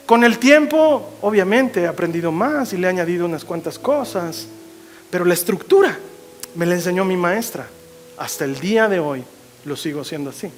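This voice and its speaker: High-voiced pastor preaching. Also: male voice. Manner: expressive preaching, swinging from loud to hushed. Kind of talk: sermon.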